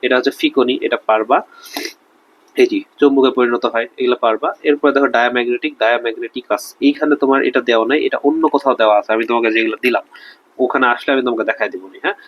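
A man's voice: medium pitch, very fast, highs cut off. A young man with a Bangladeshi Bengali accent teaching chemistry in a casual online lesson, chatty and quizzing the student with memory tricks. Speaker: chemistry tutor.

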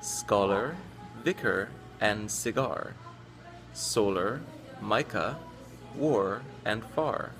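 A man with an American accent, an English teacher reading a poem aloud slowly and deliberately, word by word. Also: on the low side, over music. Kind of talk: slow careful poem reading.

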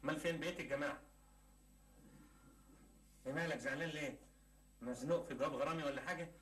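An actor with an Egyptian accent playing a cheeky office clerk who keeps teasing and joking in a TV sitcom. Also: male voice, a little high, very fast, a bit bright, natural voice. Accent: Egyptian Arabic. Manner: teasing, joking, laughs at his own jokes. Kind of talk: 1980s Egyptian TV sitcom acting.

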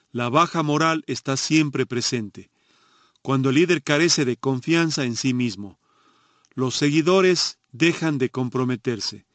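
A man narrating a nonfiction audiobook in a measured, steady reading. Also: mid-range voice, no room sound.

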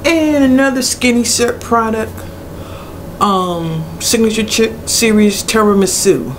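A woman's voice: on the high side, measured pace. Middle-aged woman, blunt, noisy webcam. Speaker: product reviewer. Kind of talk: casual vlog review. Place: small cluttered room indoors. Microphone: webcam at arm's length. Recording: noisy webcam recording with room ambience.

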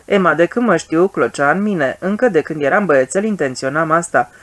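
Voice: mid-range voice, lively intonation, natural voice. Scheming boastful husband, read by the narrator, audiobook figure. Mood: self-justifying. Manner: bitter, self-justifying. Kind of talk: audiobook reading.

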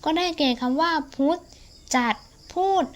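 Teen girl going over exam answers, patient and polite, high voice. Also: measured pace. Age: teens. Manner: polite, patient, explains step by step. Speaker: student tutor. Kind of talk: exam-prep lesson explanation.

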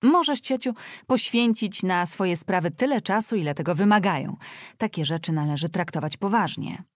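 Audiobook: woman reader doing a young man, dry and ironic, lowish voice. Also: normal speed, no echo, natural voice. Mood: wry. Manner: dry, ironic, politely joking. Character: young nobleman, wry and easygoing. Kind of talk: audiobook character reading.

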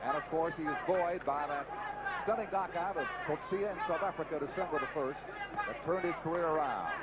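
A man's voice: fairly high pitch, a little fast. A man calling a boxing match as play-by-play commentator on a live sports broadcast. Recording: loud crowd noise behind voice. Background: roaring arena crowd.

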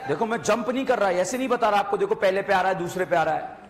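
A man teaching chemistry to a class, loudly firing quick questions at the students and scolding them with teasing remarks. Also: sits high. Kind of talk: classroom lecture. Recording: echoey room with crowd noise.

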